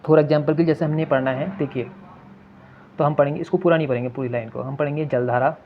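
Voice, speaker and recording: A man teaching exam reading strategies, mixing into his talk, addressing viewers as friends and pausing often with fillers. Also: on the high side, fairly even intonation, slight background noise. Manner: addresses viewers as friends, mixes English terms into Hindi; many hesitation fillers. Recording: dull lo-fi recording.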